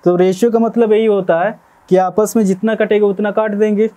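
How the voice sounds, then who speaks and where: A man's voice: high-pitched, little pitch movement, brisk, mellow. A young man teaching a maths lesson step by step, often checking in with "okay?". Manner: explanatory, repeats "theek hai" to check understanding. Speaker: math teacher.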